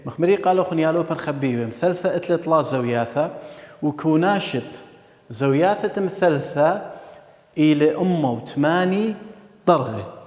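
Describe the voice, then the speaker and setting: Male maths teacher, patient, repeats key figures; slightly high voice, roomy reverberant recording. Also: darkish tone. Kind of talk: classroom lesson.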